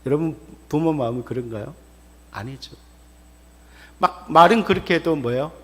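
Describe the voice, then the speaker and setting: A man's voice: fairly high pitch, normal speed, fairly bright tone, big-room sound. A male pastor preaching a sermon, emphatic and repetitive, often asking the congregation rhetorical questions. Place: church sanctuary.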